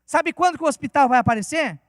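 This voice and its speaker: A man's voice: very high voice, lively intonation, quick pace, a bit bright, dry recording, clean studio sound. A man with a Brazilian Portuguese accent preaching a fervent sermon in church, with many rhetorical questions.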